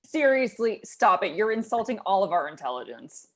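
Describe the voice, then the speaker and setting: A woman's voice: medium pitch, very animated, moderate pace. A woman acting a blunt, sarcastic doctor in an audio drama. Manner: dry, cutting sarcasm.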